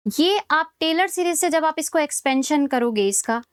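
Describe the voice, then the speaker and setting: A woman with a high voice teaches an exam-prep maths lecture, working through each step patiently and pausing to ask whether the class is following. She slows almost to dictation when reading out formulas. The recording is dry and close, with no room sound. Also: lively intonation, dry recording. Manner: explains step by step, checking in with "है ना?" and "ठीक है?".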